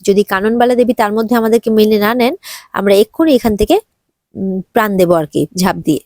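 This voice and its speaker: A woman voicing a bold, sharp-tongued young bride, reading her cheeky, mocking retorts in a recap of a TV drama episode. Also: mid-range voice, a little fast, no room sound, studio quality, lightly acted.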